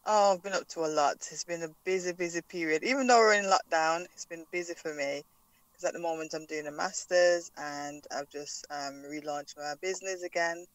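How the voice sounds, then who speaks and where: Interview guest: Jamaican woman in her thirties, smooth resonant voice, dry sound. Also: fairly low pitch, brisk, no echo, poor audio. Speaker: podcast guest. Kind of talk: casual interview.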